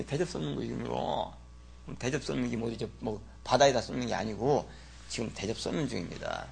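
A man preaching a sermon as pastor, folksy and teasing, swinging from loud exclamations to muttered asides. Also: medium pitch, measured pace, creaky, pauses often, breathy edge.

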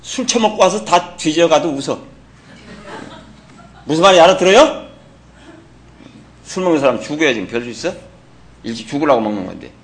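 A man's voice: a little high, expressive, brisk, pauses often. A middle-aged man preaching a sermon as pastor, blunt and colloquial, teasing and scolding his congregation.

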